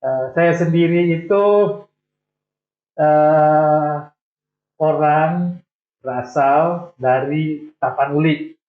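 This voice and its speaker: An older man in his sixties tells his life story in a loose, self-mocking way. His voice sits a little high for a man. It comes through thin and phone-like, with echo from the room. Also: extremely slow, long pauses. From Indonesia. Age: 60s. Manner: relaxed storytelling with light self-deprecating jokes. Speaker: guest. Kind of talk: casual interview chat. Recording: echoey room, tinny phone-like sound.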